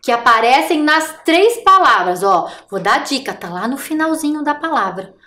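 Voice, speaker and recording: A woman teaching young children in a recorded remote class, encouraging and speaking slowly and clearly. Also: high-pitched, very animated, sharp tone, echoey room. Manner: encouraging, sing-song, slow and clear for children. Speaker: primary school teacher.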